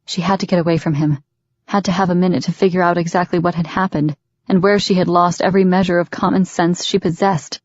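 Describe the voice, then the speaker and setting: A woman reading an audiobook aloud in a steady, measured narration. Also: fairly low pitch, no echo, highs cut off. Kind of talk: scripted narration.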